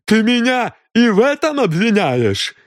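Man doing a shrill furious older lady. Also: sing-song, a little slow, no room sound, studio quality. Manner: shrieking, indignant outbursts. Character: furious middle-aged woman, shrill and defiant.

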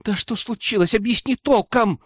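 A man reading an audiobook, voicing a flustered rector stuck in a girl's body with a strained, hoarse voice. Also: high-pitched, normal speed, dry recording, clean studio sound, voice pushed up. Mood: alarmed. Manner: exasperated, snapping. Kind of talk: audiobook character voice.

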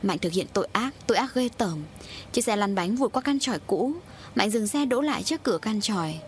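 A woman narrating a horror audiobook in a steady, grave storytelling manner. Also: mid-range voice, brisk, slight background noise.

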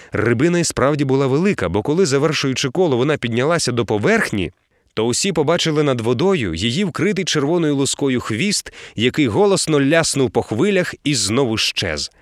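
A man narrating an audiobook in an expressive storytelling way. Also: mid-range voice, fairly quick, no room sound, studio quality. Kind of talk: scripted narration.

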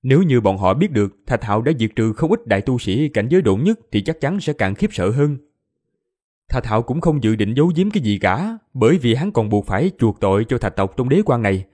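Man, audiobook narration, expressive, mellow, varied pitch. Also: a little fast. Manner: expressive storytelling, voices all characters.

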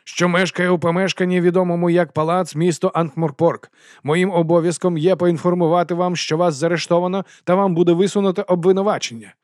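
A man's voice: high-pitched, steady tone, fairly quick, a little mellow, dry recording, clean studio sound, voice pushed up, close to an everyday voice. A man voicing an earnest, dutiful young male constable reading out formal rules.

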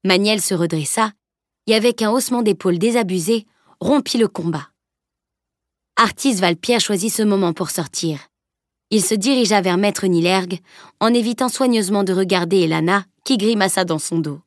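A woman's voice: medium pitch, moderate pace, no room sound, studio quality. Woman narrating an audiobook. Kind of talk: scripted narration.

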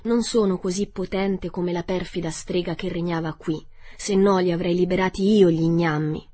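A woman voicing a small, wrinkled old good witch who speaks gently and calmly, read as a character in an audiobook. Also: on the low side, normal speed, slightly rough. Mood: gentle. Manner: gentle, soft-spoken and composed.

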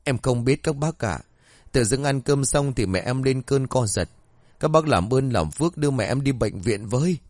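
A man voicing a dutiful young village woman, a daughter and mother, in a spoken horror story, with a pleading, high-strung delivery. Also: lively intonation, moderate pace, darkish tone, no echo, close to an everyday voice. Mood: wailing.

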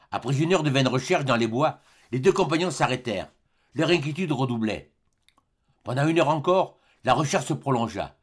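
A man reading a classic adventure novel aloud in a measured, dramatic storybook narration. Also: medium pitch. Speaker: audiobook reader.

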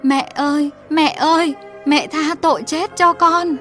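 Haughty boat owner in a storybook reading, loud and commanding, read by a woman. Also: high voice, fairly even intonation, a little slow, soft background music, voice pushed up. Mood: begging. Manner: loud, commanding, later wailing and begging. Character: arrogant rich male boat owner, ashamed of his mother.

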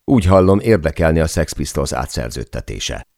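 A man voicing a brisk, businesslike male record-company executive in an audiobook. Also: very deep voice, expressive, vocal fry, darkish tone, dry recording, clean studio sound, exaggerated voice. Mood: urgent. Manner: urgent, businesslike.

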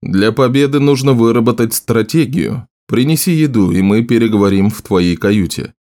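A man's voice: medium pitch, moderate pace, a little mellow, close to an everyday voice. A man voicing a cold, ambitious general in an audiobook, speaking in a curt, commanding way.

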